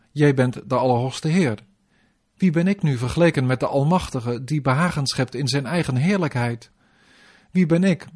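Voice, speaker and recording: A man's voice: medium pitch, darkish tone, close to an everyday voice. A devoted, adoring queen, voiced by a man reading scripture in his own plain, formal voice. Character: devoted queen Rukmini, adoring her divine husband.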